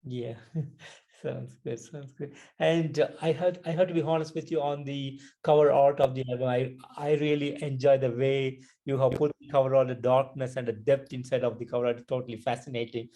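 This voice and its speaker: A man with a very dark, soft-edged voice at a middling pitch conducts an interview. He puts his questions politely and with admiration. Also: little pitch movement, fairly quick. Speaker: music interviewer.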